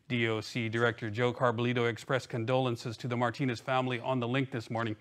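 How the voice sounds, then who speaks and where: Guy anchoring the local tv news, medium pitch, reading off a script. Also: fairly bright tone.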